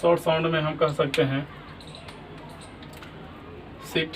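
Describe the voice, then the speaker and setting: A man with a high voice leads an English classroom lesson at a moderate pace, asking questions and then answering them. He frequently checks on his students with "ठीक है ना?" The distant mic picks up background noise.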